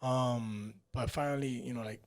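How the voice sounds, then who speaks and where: On a podcast, a Peruvian-born man in his thirties, whose first language is Spanish, rambles loosely through his life story as a guest and fighter, often saying "you know" and "man." His medium-pitched voice is a little mellow, with fairly even intonation and a moderate pace. It's a casual storytelling interview.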